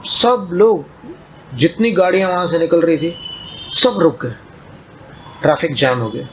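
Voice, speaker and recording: A man preaching a sermon, calmly telling a story and retelling its dialogue in plain speech. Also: on the high side, unhurried, a little hiss or hum, rough recording.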